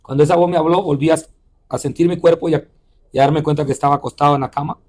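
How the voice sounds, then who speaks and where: In an interview, a pastor and missionary with a fairly high voice recounts his personal testimony. He speaks haltingly, repeating words, restarting phrases and filling pauses with "eh", in a steady, slightly mellow tone.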